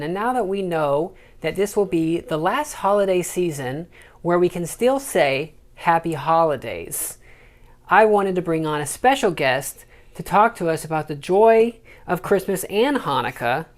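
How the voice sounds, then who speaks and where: A woman's voice: lowish voice, expressive, normal speed. A woman hosting a casual podcast, talking in a candid, chatty way and swearing offhandedly. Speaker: podcast host.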